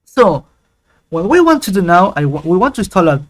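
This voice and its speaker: A tech YouTuber records a casual screen-capture tutorial in a slightly high, sing-song voice, talking briskly. He's playful and rambling, humming and singing tunes whenever he has to wait.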